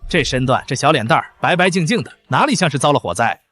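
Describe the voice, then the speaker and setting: 动画贪官, 由男声演绎, 下流嘲弄, 语调起伏大. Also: male voice, a little high, expressive, quick pace, a bit bright. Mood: leering. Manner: leering, mocking. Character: lecherous arrogant male county official.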